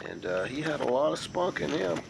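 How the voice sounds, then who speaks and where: A man in his thirties, hoarse and gravelly from a cold with a fairly high pitch, casually narrates his fishing slowly and steadily from a kayak on a wooded creek outdoors. A camera mounted behind him records noisy audio in which the water and insects around him are clearly heard.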